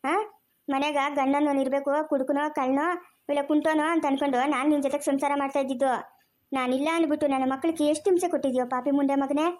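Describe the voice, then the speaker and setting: A woman's voice: high voice, fairly even intonation, fast, darkish tone, lightly acted. An actress playing a furious mother who curses and berates her husband. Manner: scolding, cursing. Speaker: actor in a family drama.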